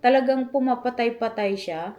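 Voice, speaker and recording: A woman's voice: moderate pace, highs cut off. A middle-aged woman from the Philippines tells a personal story for her vlog. She switches between Tagalog and English, repeats herself, and leans on fillers like "ah" and "ano.". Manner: emotional, rising high when moved. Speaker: vlogger, hairdresser.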